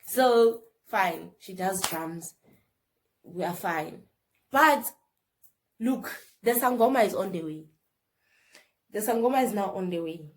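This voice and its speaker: A young South African woman with a South African accent, telling a personal story to camera in an animated way and mixing in local words. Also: mid-range voice, slow pace, pauses often. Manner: animated, mixes in Zulu and Sotho words, swings between loud and hushed. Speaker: vlogger.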